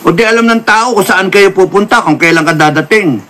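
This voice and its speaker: A man's voice: sits high, a little fast, pushed and bright, a little hiss or hum. A man with a Filipino accent giving political commentary, lecturing and mixing in English phrases. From Philippines. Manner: lecturing, repeated apologies, mixes English phrases.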